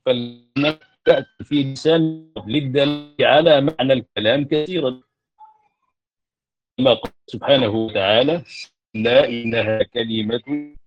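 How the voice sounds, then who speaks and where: A male teacher gives a measured classroom lecture on a grammar poem, pausing on fillers and correcting himself as he goes. He slows into a chanting cadence when he recites verses. His voice sits at a middle pitch, and the recording is dull and lo-fi. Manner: measured, explanatory, with hesitant fillers and self-corrections.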